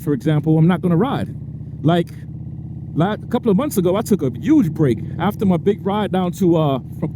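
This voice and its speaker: Chatty man vlogging from his motorcycle. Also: a little high. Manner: chatty, laughs often, drawn-out stresses. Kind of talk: casual chat while riding. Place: on a motorcycle in traffic outdoors. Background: faint traffic and wind noise.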